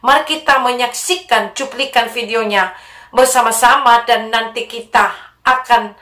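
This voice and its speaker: A woman hosting a religious commentary channel, speaking in a measured way and addressing viewers directly. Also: on the high side, pushed and bright. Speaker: channel host. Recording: echoey room.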